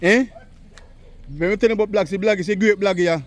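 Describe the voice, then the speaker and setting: A man's voice: sits high, very fast. A Jamaican man vlogging, chatting in repetitive patois banter and calling out to someone from a distance. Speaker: vlogger interviewing a local. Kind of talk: casual street chat.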